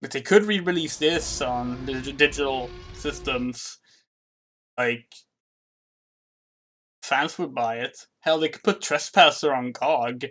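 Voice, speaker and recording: A man's voice: mid-range voice, slow pace, pauses often, fairly bright tone, faint music behind. A man giving casual, musing gameplay commentary with a mild grumble, faint game sounds behind him. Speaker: gaming commentator.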